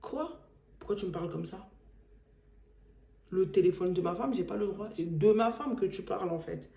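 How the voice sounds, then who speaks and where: A man's voice: high-pitched, moderate pace, vocal fry, dark tone, reverberant. A woman acting out her angry, protective husband threatening a caller on the phone, in an insistent, menacing way.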